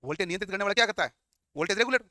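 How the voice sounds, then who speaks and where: A man's voice: high-pitched, lively intonation, racing, pushed and bright, no room sound, studio quality. A man teaching a class, firing questions at his students and answering them himself. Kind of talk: classroom lecture.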